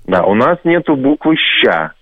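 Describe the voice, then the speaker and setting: A man from Belarus, a radio guest who explains patiently and slowly spells out sounds as examples. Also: mid-range voice, sing-song. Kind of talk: radio conversation. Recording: tinny phone-like line.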